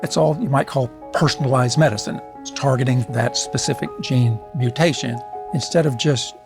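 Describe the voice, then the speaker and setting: A man's voice: medium pitch, fairly even intonation, normal speed. A man who is a cancer researcher, explaining his work directly in an interview. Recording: music underneath. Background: music.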